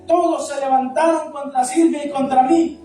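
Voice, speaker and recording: A man preaching a testimony sermon as an evangelist, impassioned and repetitive, building up to shouts. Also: very high-pitched, fairly even intonation, moderate pace. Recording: echoey far-off hall with music. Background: music.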